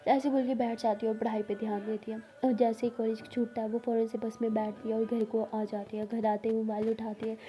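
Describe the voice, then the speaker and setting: A woman's voice: fairly high pitch, level tone, brisk, few pauses, warm tone. A woman narrating a love story casually, retelling each turn with many "she says".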